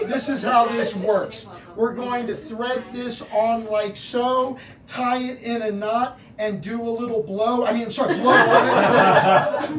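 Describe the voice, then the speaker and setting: A man performing as a birthday party magician, with joking, teasing patter aimed at his volunteers. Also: extremely high pitch. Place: indoor party room with guests. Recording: echoey room, distant mic, noisy audience. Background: guests laughing and reacting.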